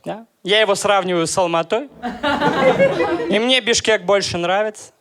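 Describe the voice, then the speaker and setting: A man in his thirties from Russia, performing a stand-up comedy set with deadpan, ironic jokes and crowd work. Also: high voice, moderate pace. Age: 30s.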